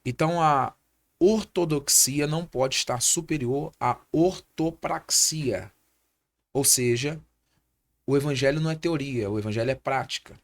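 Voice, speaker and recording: Speaking unhurriedly at a medium pitch, a Brazilian Portuguese-accented man in his thirties, a pastor guesting on a podcast interview, delivers sermon-style teaching and drives home his main points by repeating them.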